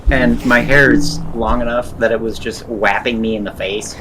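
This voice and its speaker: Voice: medium pitch, steady tone, normal speed, background noise. A co-streamer chatting casually and muttering asides to themself while sorting out computer files during a game. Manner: mumbly, muttering asides to self. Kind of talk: casual chat while gaming.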